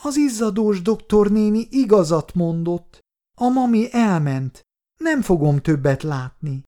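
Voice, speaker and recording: Name: Olenka. man putting on a high chatty little girl. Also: sing-song. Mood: childlike eager. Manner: high childlike voice, bright and eager.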